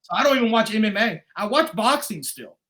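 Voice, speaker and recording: A middle-aged man talking as a guest in a casual conversation, telling stories in a rambling, animated way. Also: high-pitched, a little fast. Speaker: guest martial arts instructor.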